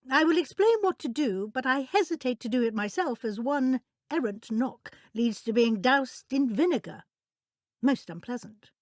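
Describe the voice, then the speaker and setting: A woman voicing a brisk, kindly middle-aged witch professor with a British accent and precise, formal phrasing for a video game. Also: sits high, a little mellow, no room sound, clean studio sound. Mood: welcoming. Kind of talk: scripted video game dialogue, instructional.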